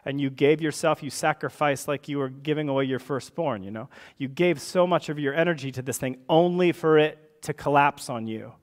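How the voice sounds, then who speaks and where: A man preaching a sermon to his congregation, his voice sitting a little higher than most men's. He talks conversationally, tossing in quick questions to the listeners. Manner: conversational, checks in with tag questions. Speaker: rector preaching. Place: church service.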